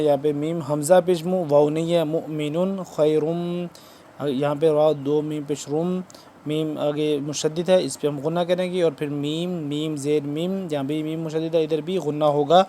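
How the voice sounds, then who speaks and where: A man teaching a Quran recitation lesson in Urdu with a Pakistani accent, spelling out letters and vowel marks quickly, then reciting verses slowly. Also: a little high, steady tone, warm tone, a little hiss or hum. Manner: switches between quick explanation and slow drawn-out recitation.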